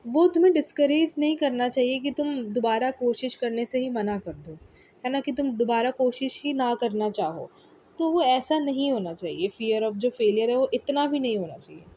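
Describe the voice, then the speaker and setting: A woman's voice: fairly high pitch, lively intonation, normal speed, warm tone, highs cut off, a little hiss or hum. Woman teaching vocabulary with patient repetition. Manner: explains patiently, repeats key words, many fillers. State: tired. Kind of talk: casual Hinglish vocabulary lesson.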